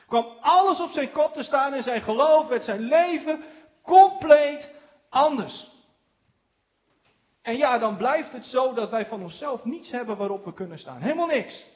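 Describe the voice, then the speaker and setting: A man preaching a sermon, slowing down on key words for emphasis and chuckling now and then. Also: very high-pitched, animated. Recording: dull lo-fi recording.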